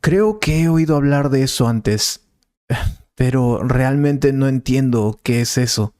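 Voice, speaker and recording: Eager young male student played by a man, pushing for help; slightly raised pitch, dry close read. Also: takes it slowly, warm tone, no room sound, lightly acted. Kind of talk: scripted learner dialogue.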